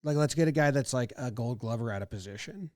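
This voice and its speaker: A podcast co-host talks sports casually at a quick pace, animated, with a medium-pitched, darkish voice. He rambles and doubts himself, acting out his thoughts along the way. The sound is clean studio audio with no echo.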